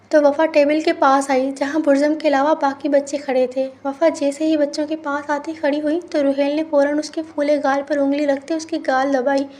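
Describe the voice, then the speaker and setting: High, level-voiced woman reading a novel. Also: a little mellow. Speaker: novel reader. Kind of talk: storybook narration of a romance novel.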